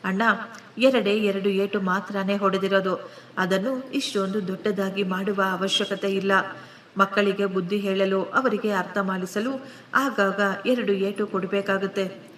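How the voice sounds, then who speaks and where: A woman voicing an arrogant, sharp-tongued sister-in-law in a told story, speaking scornfully and dismissively. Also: medium pitch, steady tone, unhurried, close to an everyday voice. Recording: roomy, distant mic with faint hiss.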